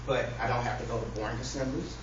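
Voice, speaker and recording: Playing the mock-earnest preacher for laughs, a public speaker gives a casual, funny talk to an audience indoors. His mid-range voice moves fast, and his intonation is fairly even. The room is echoey, and the recording sounds distant, noisy, muffled, and heavily reverberant.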